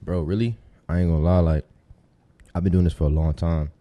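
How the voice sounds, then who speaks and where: Speaking a little fast in a low, steady voice, a roughly twenty-one-year-old from Tampa, Florida, tells stories in informal street slang as a guest on a podcast, keeping the chat casual. The audio is dull.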